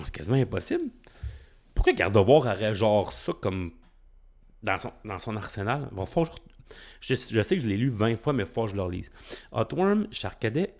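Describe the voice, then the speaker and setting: A card-opening YouTuber, a middle-aged man with a Québécois French accent, gives excitable, casual commentary as he opens trading cards and thinks out loud. His voice is fairly low, with vocal fry.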